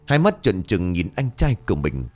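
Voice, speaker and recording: A man narrating a ghost story with a dramatic, expressive reading. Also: low-pitched, normal speed, faint music behind.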